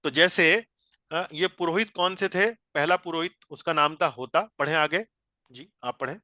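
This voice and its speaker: A man leads an online scripture class, explaining each point and repeating phrases. His voice is bright and a little high for a man. The sound is dry and close, like a video call. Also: moderate pace, no echo.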